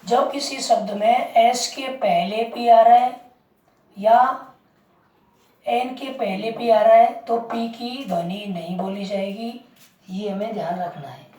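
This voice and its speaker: Slow, mellow-voiced woman teacher, roomy sound. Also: a little high. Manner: slow, repeats words and asks the class questions. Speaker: English teacher. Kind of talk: classroom lesson. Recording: roomy, distant mic.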